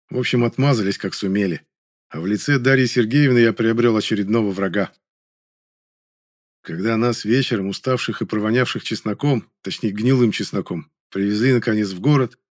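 A man's voice: lowish voice, no echo, clean studio sound. Man narrating an audiobook.

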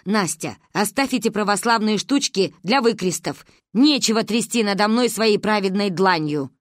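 A woman reading aloud and voicing a sharp-tongued, stern old grandmother who gives curt orders. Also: mid-range voice, animated, moderate pace, no echo, clean studio sound, close to an everyday voice. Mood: scornful. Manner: caustic, commanding.

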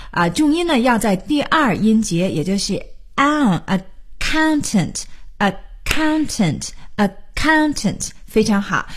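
A woman's voice: fairly high pitch, slightly rough. A woman hosting a studio radio lesson, patiently explaining words and spelling them out letter by letter. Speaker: radio English teacher.

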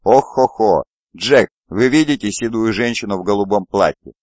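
A man's voice: fairly low pitch, moderate pace, a little mellow, no room sound, lo-fi sound, natural voice. A man voicing a jovial male lawyer making chatty asides.

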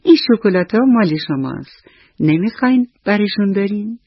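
A woman voicing a lonely, kind old man in a children's radio bedtime story, speaking softly and quietly. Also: mid-range voice, lively intonation, breathy edge, no echo, pitched above the performer's own voice. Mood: gentle. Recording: dull lo-fi radio recording.

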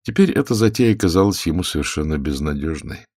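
A man reading an audiobook in a measured, even manner. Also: low-pitched, slightly rough, dry recording, studio quality. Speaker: audiobook reader. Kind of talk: audiobook narration.

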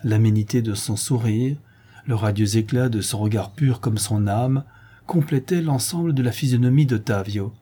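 A man reading a novel aloud as an audiobook narrator, with measured, expressive delivery. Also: medium pitch, husky. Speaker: audiobook reader.

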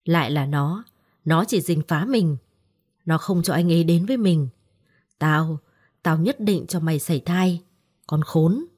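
A vicious, jealous young woman from an audio story snarls threats at her rival, voiced by a woman narrator. Her tone is low and hard, each word bitter and spiteful. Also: animated, measured pace, pauses often, a little mellow, slightly rough, heavily acted. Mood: venomous.

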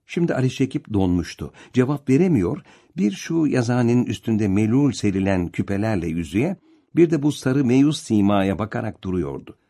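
A man's voice: on the low side, animated, moderate pace, creaky, mellow. A man narrating a novel as an audiobook, with a dramatic, varied delivery. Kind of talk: expressive literary narration.

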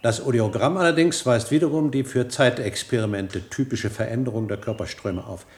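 In a German radio drama, a male actor with a natural, medium-pitched voice plays a confident, calculating scientist and physician. His delivery is brisk, clinical and assured.

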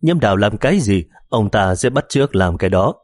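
A man narrating a story as an audiobook in a steady, measured reading. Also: fairly low pitch, no room sound.

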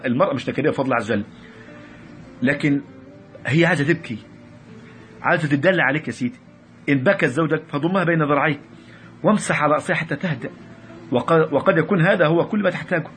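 A man with an Egyptian Arabic accent giving a lively religious lecture on marriage to a class, often repeating and restarting words. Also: fairly high pitch.

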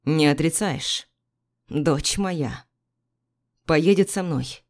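A woman's voice: sits low, drawn-out words, full character voice. A woman reading the lines of a cold, powerful man who threatens his ex-wife, clipped and icy. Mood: icy menace.

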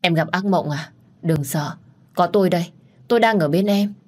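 A woman's voice: fairly low pitch, moderate pace, darkish tone, natural voice. A woman voicing a caring young husband who soothes and reassures his wife. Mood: reassuring.

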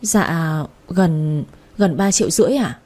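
A woman's voice: lowish voice, warm tone. A woman voicing a heartbroken young man who cries and stammers as he talks, in a storybook reading. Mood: tearful. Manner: stammering, whimpering, hurried. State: crying.

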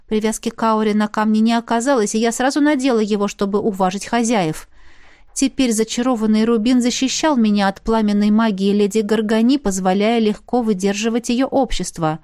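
A woman reading a first-person fantasy audiobook in a lively, expressive way. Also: a little high, a little fast, clear, resonant tone, no room sound, studio quality. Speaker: audiobook narrator.

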